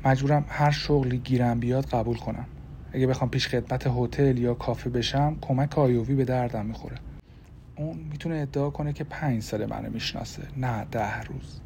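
A man voicing a steady young husband in an audiobook, speaking gently and reassuringly. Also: mid-range voice, slight background noise, lightly acted. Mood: tender. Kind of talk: audiobook character voice.

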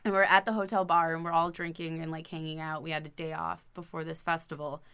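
Woman, podcast guest, casual chat, frank storyteller, smooth clear voice. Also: sits low, level tone, fast talker, a bit bright. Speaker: touring musician guest.

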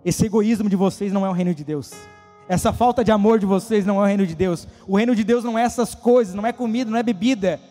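A man preaching a casual youth sermon, animated and slangy, often acting out quoted voices. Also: sits high, fast talker, long reverb tail, faint music behind.

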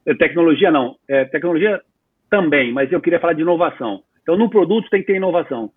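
A man in his fifties, a guest entrepreneur, talking in a casual, animated way with lots of slang in an interview. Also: fairly high pitch, fast talker, slightly rough, no echo. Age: 50s. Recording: tinny phone-like line.

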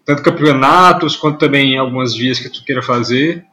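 A man's voice: mid-range voice, moderate pace, pushed and bright. A man from Brazil, hosting a casual interview with short, friendly prompts.

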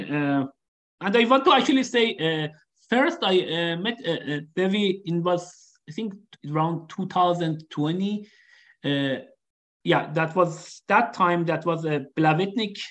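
A man's voice: fairly high pitch, a bit bright. A man hosting a live online interview, speaking hesitantly with many fillers. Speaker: host.

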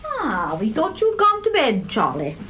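A poised wife in a vintage radio drama. Her light, refined voice sits high and moves expressively. A faint hiss runs under the old recording. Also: huge pitch swings, measured pace, sharp tone, full character voice, low-quality recording. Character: poised, curious wife of a detective. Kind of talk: 1950s radio drama acting.

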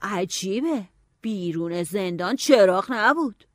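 A woman voicing a worried, cautious teenage boy who talks in a hushed, uneasy way in an audiobook. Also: medium pitch, lively intonation, no echo, clean studio sound, close to an everyday voice.

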